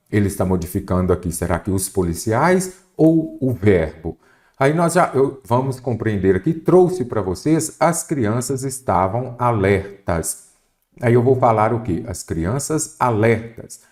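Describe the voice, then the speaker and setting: Man, Brazilian Portuguese accent, middle-aged, fairly low voice, grammar teacher, step-by-step explaining, quick rhetorical questions. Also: a little mellow. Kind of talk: exam-prep grammar lesson.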